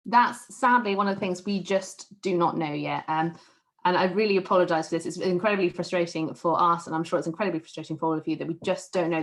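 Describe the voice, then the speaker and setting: Measured woman explaining tax rules. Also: low voice. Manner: clear, measured, professional explaining. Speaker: panel expert on employment and tax. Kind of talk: online panel Q&A answer.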